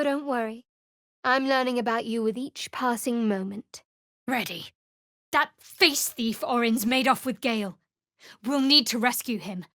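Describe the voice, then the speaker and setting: A woman voices a young female cleric of a dark goddess in a fantasy video game, playing her as guarded and dry-witted with a sardonic way of talking. Her pitch is fairly high, and there's no echo.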